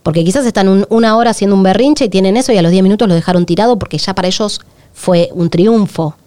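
A woman's voice: medium pitch, quick pace. A woman with a Rioplatense Spanish accent, co-hosting a podcast in candid, confessional chat. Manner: candid, confessional, animated storytelling. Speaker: podcast co-host.

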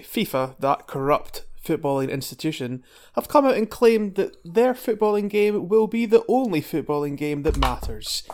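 Sweary excitable man, higher voice. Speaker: quiz contestant. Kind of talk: casual comedic podcast banter.

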